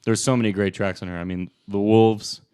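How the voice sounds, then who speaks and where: A man's voice: fairly low pitch, steady tone, fairly quick, a little mellow, smooth. A man hosting a podcast in casual chat, rambling and swearing loosely with lots of filler words. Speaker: podcast host.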